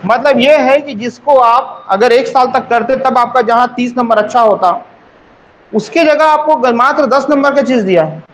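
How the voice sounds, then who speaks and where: Man, coaching teacher, very high voice, repeats points, rhetorical questions. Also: normal speed, low-quality recording. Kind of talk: exam coaching class.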